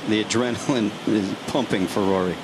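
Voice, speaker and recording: Male live golf commentator, fairly low register, descriptive shot-by-shot calls, very noisy outdoor background. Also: fairly even intonation, a little fast. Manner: descriptive, following each shot. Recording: loud outdoor background noise.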